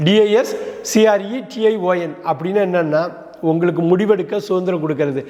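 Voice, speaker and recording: A man with a Tamil accent teaching English pronunciation, spelling words out letter by letter and repeating them slowly. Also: high voice, a little mellow, big-room sound.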